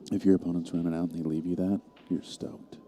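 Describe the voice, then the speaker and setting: A man giving calm, analytical live commentary on a pool match, calling each shot. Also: low-pitched, quick pace, a little hiss or hum.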